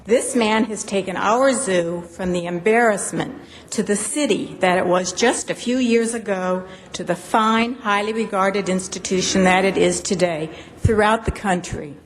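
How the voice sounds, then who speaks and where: A middle-aged woman gives a prepared statement at a public meeting. She sounds earnest and formal, with an average-pitched voice and a little noise behind her. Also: measured pace. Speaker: zoo employee speaking at council meeting. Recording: faint background noise.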